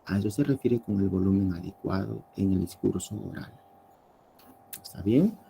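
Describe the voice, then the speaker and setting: A lower-pitched man, lecturing his class in a gravelly voice. His tone is very dark and mellow. A faint hiss sits under his words. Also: normal speed, poor audio. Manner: explanatory, often ends points with tag questions. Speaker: teacher.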